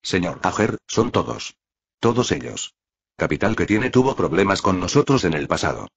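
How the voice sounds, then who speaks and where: A man voicing a hurried young male assistant in a suit reporting urgent bad news. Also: sits low, very animated, vocal fry, husky, dull audio, full character voice.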